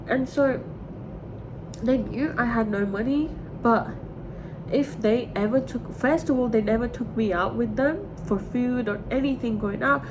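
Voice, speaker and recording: A vlogger in her twenties gives a rambling personal confession, speaking candidly and emotionally and repeating herself for emphasis. The recording is clearly noisy, with a low rumble underneath.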